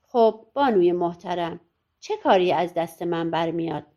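A woman voicing a proud, short-tempered old king in a storybook audiobook, speaking slowly and scornfully. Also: fairly low pitch, animated, dark tone, voice pushed down. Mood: polite.

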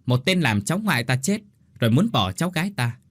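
A man's voice: mid-range voice, very animated, fast, a bit bright, dry recording, clean studio sound. A man voicing a stern, contemptuous elderly aunt. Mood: scornful.

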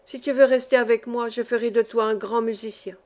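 A woman's voice: a little high, natural voice. Chatty small-town barber, as a woman reader puts him on. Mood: enthusiastic. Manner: lively, boastful, quick to praise. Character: chatty grown man, a small-town barber and music teacher.

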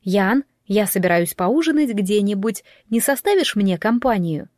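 A woman voices a flustered, shy young woman mage in an audiobook. Her mid-range voice is a little mellow and natural, with lively intonation at a normal speed. The recording is studio quality with no room sound.

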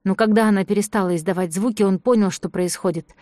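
Audiobook narrator, woman, warm low timbre, steady delivery, dry studio. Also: fast, no room sound. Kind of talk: scripted narration.

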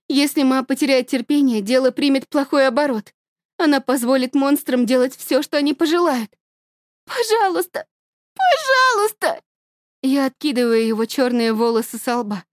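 A woman reading a first-person story aloud in a steady, measured way. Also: high voice, no room sound, clean studio sound. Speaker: audiobook narrator.

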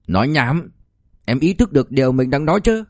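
A man voicing a stern, hurried army officer husband in an audiobook, brusque and urgent. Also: medium pitch, sing-song, a little mellow, no room sound, studio quality.

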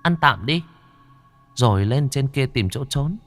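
A man voicing a calm, watchful spirit that gives quiet warnings in a spoken horror story. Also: mid-range voice, a little slow, no room sound, faint music behind, pitched above the performer's own voice. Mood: hushed warning. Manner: hushed and cautioning.

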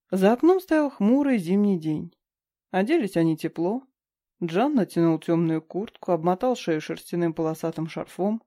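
Low mellow woman narrating a novel. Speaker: audiobook reader. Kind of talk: scripted narration.

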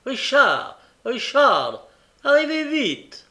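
A man voicing a fawning, shrill female matron of an orphanage in an audiobook, high and whining. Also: big pitch swings, a little slow, fairly bright tone. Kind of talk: audiobook character voice.

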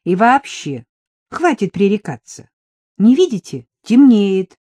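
A woman reading the part of a bold, sporty young woman who calls out in a lively way. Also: medium pitch, slow, pitched above the performer's own voice.

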